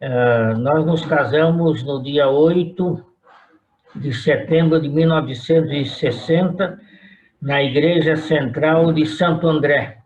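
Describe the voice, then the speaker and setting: A man in his eighties from São Paulo, with a Paulistano accent, recalling his family history slowly and deliberately in an interview. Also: mid-range voice, muffled recording. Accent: Paulistano Brazilian Portuguese. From São Paulo, Brazil. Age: 80s. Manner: slow, deliberate recollection. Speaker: retired pastor.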